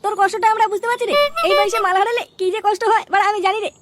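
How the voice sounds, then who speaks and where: A woman's voice: very high-pitched, steady tone, very fast, over loud music. A woman voicing a foul-mouthed idle village boy, who swears constantly and coaxes his friend in a cocky way. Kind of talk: cartoon comedy voice acting.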